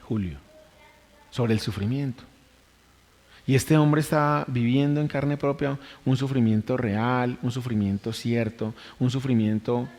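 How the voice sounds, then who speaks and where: A man delivers a sermon in an earnest manner, stacking repeated phrases for emphasis and stopping to correct himself. His voice sits at a middle pitch. The sound carries a long reverb from a church hall. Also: a little mellow. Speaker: preacher.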